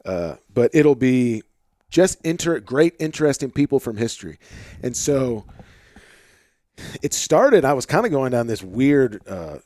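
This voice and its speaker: Casual, excitable male podcast host. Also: mid-range voice, a little slow, no room sound, studio quality. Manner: loose and excitable, swears, says "dude" and "man". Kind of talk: casual conversation.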